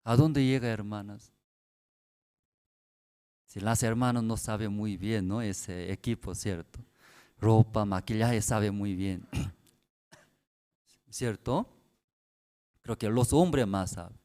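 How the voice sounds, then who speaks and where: Preaching at a prayer service, this man speaks in a low, soft voice and takes his time. He addresses the congregation in simple, broken Spanish, leaning on frequent tag questions.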